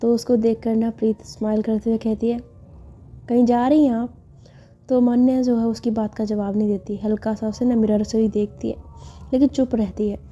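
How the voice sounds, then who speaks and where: A woman's voice: fairly high pitch, level tone, a little fast, mellow. A woman narrating a spoken story in a chatty, casual way. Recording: slightly dull recording, faint music.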